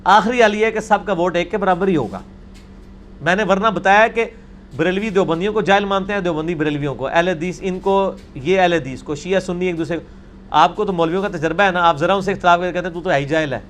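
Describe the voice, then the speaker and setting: Man, high voice, argumentative scholar answering questions in a talk. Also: a bit bright, a little hiss or hum. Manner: emphatic, argumentative, quotes others in put-on voices. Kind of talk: seated Q&A discussion.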